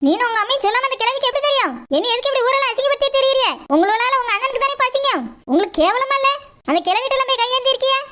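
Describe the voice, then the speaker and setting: A woman playing a shrill scolding sister-in-law. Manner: scolding, sharp and fast. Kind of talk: amateur family drama acting.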